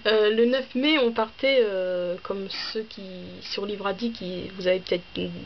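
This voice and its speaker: A woman chats through a casual book vlog, stopping often to hesitate and restart. Her voice is at a middle pitch. The recording is a bit dull, with a faint hiss of noise underneath. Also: steady tone, unhurried. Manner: hesitant, many fillers and restarts; chatty, listing items one by one. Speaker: book vlogger.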